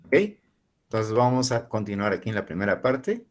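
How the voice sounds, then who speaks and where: A man in his forties with a lowish voice, a university professor from Peru, runs an online English class taught in Spanish. He goes slowly, repeating model phrases for his learners.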